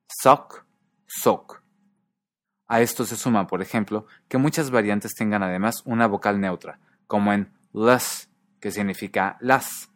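A man giving scripted educational narration, measured, slowing down to pronounce example words carefully. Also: lowish voice, dry recording. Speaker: language lesson narrator.

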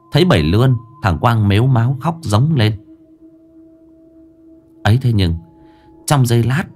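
A man tells a ghost story in a low voice, building suspense. His delivery rises and falls in a very lively way. Faint music plays under him. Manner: expressive, rising and falling for suspense. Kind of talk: dramatic horror story narration.

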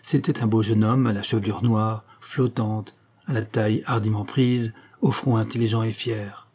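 A man reading a historical tale aloud as an audiobook narrator, in a measured literary manner. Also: lowish voice, fairly even intonation, a little mellow.

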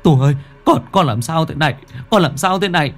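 A man voicing a grieving young father who pleads in loud cries in a storybook reading. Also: medium pitch, very animated, moderate pace, slightly rough, soft background music. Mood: desperate.

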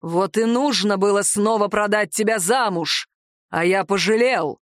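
A woman's voice: medium pitch, a little slow, no echo, studio quality, natural voice. A woman voicing a stern fire-breathing male dragon lord who speaks harshly and barks his words. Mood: angry. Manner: harsh, barking.

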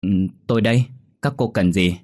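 A man's voice: lowish voice, moderate pace, darkish tone, lightly acted. A man playing a curt, aloof male shaman of about fifty, in a spoken ghost story. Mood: grave. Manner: curt, grave, dismissive.

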